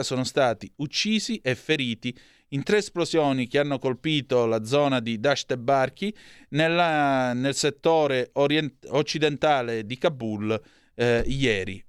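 Clear-voiced man hosting radio news. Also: mid-range voice, dry recording, clean studio sound. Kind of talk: live press review, reading and commenting on headlines.

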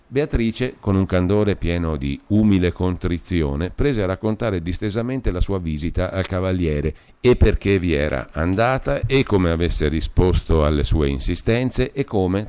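A man reading a classic novel aloud in a measured, expressive narration. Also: sits low, clear, resonant tone. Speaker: audiobook reader. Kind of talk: scripted literary narration.

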